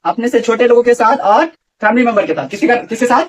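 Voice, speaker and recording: A man's voice: extremely high pitch, fast, recorded from a distance. A man teaching a grammar lesson to a class, often asking questions and repeating the answers.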